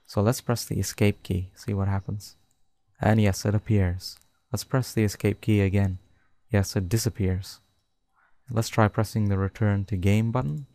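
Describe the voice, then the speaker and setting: A man narrating a screen-recorded coding tutorial, dictating code slowly and step by step. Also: fairly low pitch, fairly even intonation, warm tone, no echo. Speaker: tutorial host.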